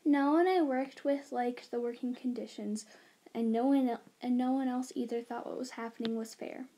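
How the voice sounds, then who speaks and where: A woman's voice: fairly high pitch, normal speed, warm tone, slight background noise, lightly acted, rough recording. A woman voicing a young male immigrant miner, in an earnest first-person school history narration read plainly aloud.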